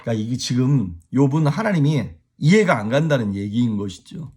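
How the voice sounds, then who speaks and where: A man giving a casual devotional sermon as a pastor, animated, chuckling and speaking straight to his viewers. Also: medium pitch, brisk, husky.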